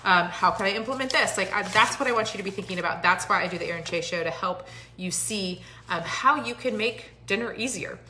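A woman's voice: medium pitch, brisk, pushed and bright, roomy sound. A woman in her thirties hosting a casual live stream from her living room, talking chattily and encouragingly into a phone held at arm's length, with plenty of fillers. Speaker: host. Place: home living room, indoors.

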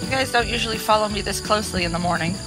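Out in the farm pens and pasture, a homestead vlogger talks her way through chores, her mid-range voice racing as she laughs a lot and coos at her animals. Loud music plays behind her, and the recording is rough.

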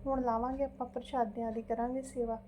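Fast and a little high, her voice is level in tone and slightly mellow, with a bit of hiss or hum in the audio. The middle-aged Punjabi-accented home vlogger tells her viewers a chatty story, fretful and exclamatory, going over things again and seeking agreement.

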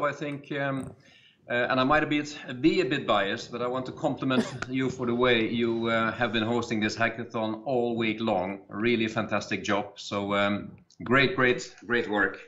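A man's voice: medium pitch, steady tone, normal speed, a bit bright. A middle-aged man from the Netherlands, a guest company head introducing himself on a video call from an office, friendly and hesitant with many fillers. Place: office with a chair behind. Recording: dull video call audio.

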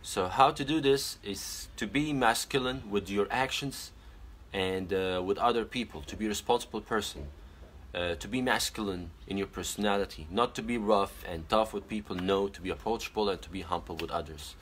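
A young pageant titleholder, Arabic being his first language, streams casually from a small bedroom through a phone camera at arm's length. He reads comments aloud and gives heartfelt advice, stopping often on fillers, in a fairly low-pitched, fairly bright voice.

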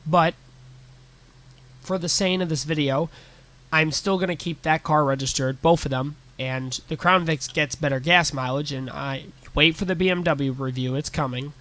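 A man's voice: a little high, pushed and bright. A young man with a nasal, stuffed-up voice from a sinus infection, giving a blunt, casual car review with some swearing.

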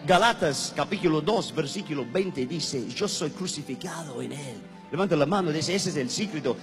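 A man in his fifties preaching a shouted revival sermon in simple broken Spanish, calling out prompts to the crowd and joking. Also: a little high, animated, moderate pace. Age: 50s. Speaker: guest preacher. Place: large crusade gathering. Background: faint music and crowd.

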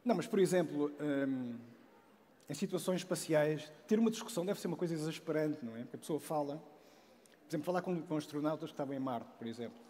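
Speaking fast in a slightly high voice, this Portuguese man in his forties jokes and restarts his sentences often during an informal science talk in a large auditorium. He leans on "não é?" tags, and his headset mic picks up a long hall reverb.

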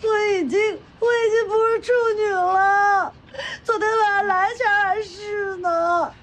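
A woman's voice: extremely high pitch, animated, moderate pace, a bit bright, slight background noise. An actress playing a wronged young village woman with a Northeastern accent, accusing and tearful. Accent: Northeastern Chinese. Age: young adult. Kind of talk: TV drama acting.

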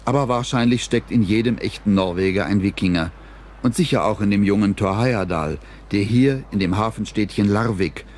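A man reading scripted documentary narration in a measured, even storytelling delivery. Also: lowish voice, slight background noise.

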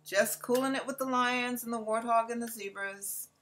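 A woman's voice: on the high side, steady tone, normal speed, noisy background. A woman from California narrating a safari slideshow presentation, talking chattily and straight to her audience. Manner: chatty, addressing the audience directly.

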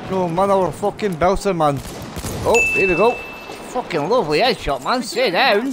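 A man giving excited, foul-mouthed commentary over his shooter gameplay, taunting enemies and laughing. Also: high voice, unhurried, pauses often, noisy background. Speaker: gamer narrating his clips. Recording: gunfire and music behind the voice. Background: gunfire and music from the game.

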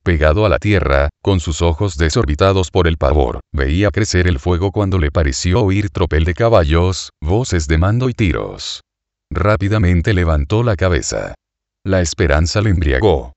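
A man narrating a story for an audiobook in a steady, measured way. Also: low voice, dry recording, dull audio. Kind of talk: scripted narration.

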